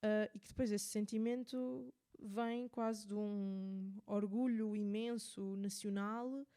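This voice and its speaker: A radio host with a European Portuguese accent, her voice mellow and warm at a middle pitch. She explains things casually, searching for words as she goes and restarting her sentences often. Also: fairly even intonation, takes it slowly. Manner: thinks aloud with many fillers and restarts. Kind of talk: casual spoken commentary.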